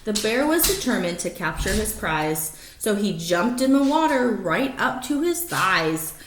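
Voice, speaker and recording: A woman reading a rhyming picture book aloud to young children as an animated storyteller, stretching key words and adding asides and questions for the listeners. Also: mid-range voice, a little slow. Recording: roomy echo, faint background noise.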